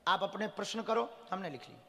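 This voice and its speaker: A man leading a live devotional session, reading out a devotee's petition and blessing her, calm and reassuring but breaking into rising chanted blessings. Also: sits high, fairly quick, creaky, long reverb tail.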